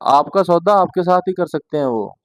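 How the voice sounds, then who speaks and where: A man's voice: a little high, lively intonation, moderate pace, no room sound. A man doing stand-up, telling a chatty comic story and acting out both sides of conversations.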